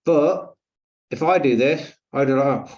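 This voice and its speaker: Rambly breathing coach guy, mid-pitched voice, loads of ums and jokes. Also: measured pace, darkish tone, lo-fi sound. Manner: chatty, jokey, rambling with fillers. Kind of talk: webinar teaching.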